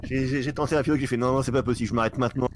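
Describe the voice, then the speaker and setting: A man's voice: mid-range voice, steady tone, very fast, a little hiss or hum. A man co-hosting a live stream in casual chat over online voice chat, joking and hesitant with many fillers.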